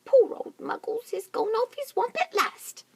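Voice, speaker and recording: A woman voicing an indignant, prim bird in a high, breathy voice. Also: very animated, measured pace, a little hiss or hum, exaggerated voice. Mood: mocking.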